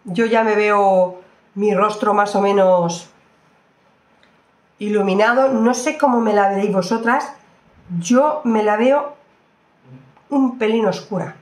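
A woman's voice: mid-range voice, takes it slowly, long pauses, echoey room. A woman doing a casual makeup review, chatty and exclamatory, often repeating her phrases. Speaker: beauty vlogger.

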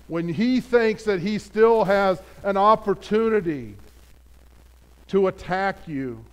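A man's voice: high-pitched, smooth. A pastor preaching a sermon in an earnest, conversational way, putting direct questions to his congregation.

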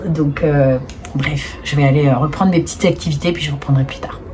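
A woman talking to camera in a hesitant, reflective way, with many pauses and fillers. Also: low voice, fairly even intonation, mellow, a little hiss or hum. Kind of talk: casual chat to camera.

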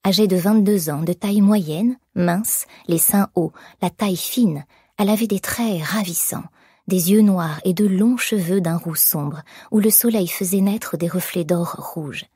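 A woman narrating an audiobook in measured, expressive storytelling. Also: lowish voice, slightly rough, no echo, clean studio sound. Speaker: audiobook reader. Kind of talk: scripted narration.

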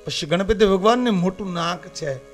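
Fifty-something Saurashtra-accented male preacher, very high voice, fiery sermon cadence over soft instrumental music. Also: normal speed. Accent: Saurashtra Gujarati. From Gujarat, India. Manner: impassioned, swings between loud warnings and low confiding asides. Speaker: Shiva katha preacher. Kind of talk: devotional katha sermon. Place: open-air katha gathering with live accompaniment.

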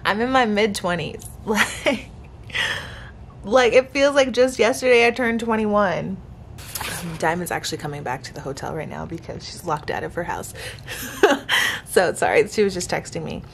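A twenty-five-year-old woman vlogger chats casually and earnestly to the camera from a hotel room, sounding grateful and reflective. Her medium-pitched voice has lively intonation, a moderate pace and some vocal fry. The camera is held close at arm's length, and there's a little hiss or hum.

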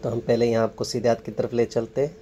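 The recording is lo-fi, with faint noise from rushing water and outdoor sounds. A male travel vlogger with a warm, mid-range voice and little pitch movement gives a casual tour around a waterfall, pointing things out to viewers along the way.

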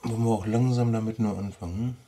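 A man's voice: fairly low pitch, steady tone, quick pace, heavy background noise. A man with a Ruhr German accent, thinking aloud in casual commentary as he works on a bonsai. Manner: thinking aloud, muttering while he trims. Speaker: bonsai vlogger. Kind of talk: casual commentary while working.

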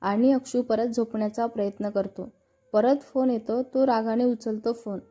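A woman's voice: on the high side, steady tone, normal speed, mellow. A woman narrating a romantic story aloud in a plain storytelling tone. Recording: dull lo-fi with faint background music.

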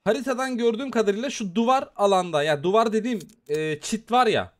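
A man giving excited, chatty live commentary on a mobile shooter game, talking straight to his viewers as he plays. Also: sits high, fast talker. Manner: excitable, chatty, talks to viewers while playing. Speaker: gaming YouTuber.

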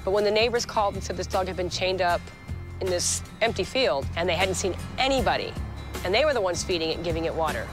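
Fast and animated, with a voice on the low side, a middle-aged woman who runs an animal rescue talks straightforwardly with casual fillers. She's on a lapel mic outside in open fields and lots, doing reality TV interviews and on-location talk while background music plays.

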